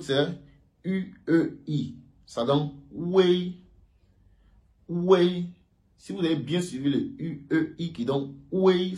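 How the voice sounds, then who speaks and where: A man teaching a pronunciation lesson, patiently explaining and loudly repeating each sound for students to copy. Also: medium pitch. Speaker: language teacher.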